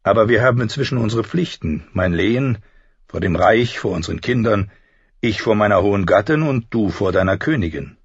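Male narrator as a cool, stern lord, husky voice, dull lo-fi recording. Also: on the low side, a little fast, dry recording. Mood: wistful. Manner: calm, restrained, cool. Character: grave reserved northern lord, dutiful and stern. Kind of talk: audiobook character voice.

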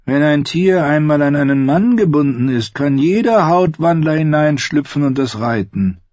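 A man voicing a meek, balding older skinchanger who speaks softly and mildly with quiet menace. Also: fairly high pitch, expressive, moderate pace, no echo, pitched above the performer's own voice, natural voice. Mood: sinister. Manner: soft, mild, sinister. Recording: slightly dull, dry recording.

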